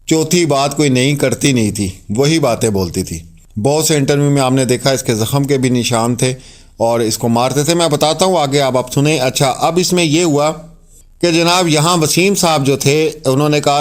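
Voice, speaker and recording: A man narrating and commenting on a court statement for his viewers, in a conversational style with many fillers. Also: mid-range voice.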